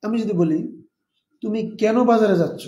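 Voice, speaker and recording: A man's voice: sits high, fairly quick, dark tone, roomy sound. A man teaching a live online spoken English lesson, explaining step by step and repeating example sentences.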